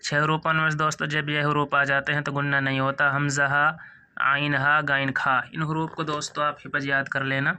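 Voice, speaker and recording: A man teaching Quran reading, spelling it out one syllable at a time and slowly reciting verses, gently correcting how listeners pronounce the letters. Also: a little high, little pitch movement, clear, resonant tone. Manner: gently correcting pronunciation, addressing viewers as friends.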